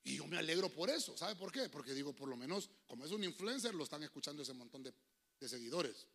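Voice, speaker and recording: Impassioned pastor, high gravelly voice. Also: male voice, lively intonation, fast, fairly bright tone. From Honduras. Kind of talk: sermon. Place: church.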